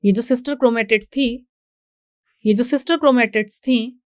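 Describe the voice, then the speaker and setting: A young Indian woman lecturing on biology for exam students, taking her time over each point. Her voice is smooth and clear, a little high, and recorded close and dry with no room sound. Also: dry recording. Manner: explains slowly, reads English lines out deliberately, checks in with "ठीक है". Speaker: biology teacher. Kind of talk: bilingual exam-prep lecture.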